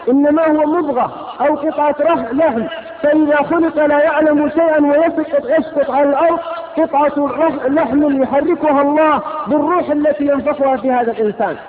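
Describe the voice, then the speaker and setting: A man delivers a fiery sermon in a very high, piercing voice. He rushes through rhetorical questions and scolding lines at a brisk pace. The recording is thin and phone-like, with a long hall reverb trailing behind him. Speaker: preacher.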